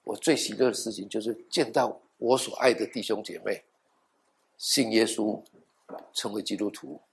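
A middle-aged man, a pastor, preaching a sermon in an animated storytelling way, acting out dialogue with half-joking asides and dropping in the odd English word. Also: on the low side, moderate pace, vocal fry. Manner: mixes in English words.

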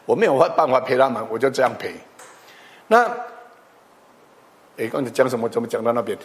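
A middle-aged man, preaching a chatty, animated storytelling sermon. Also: medium pitch, fairly quick. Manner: animated, chatty, with tag particles and restarts. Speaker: pastor. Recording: long hall reverb.

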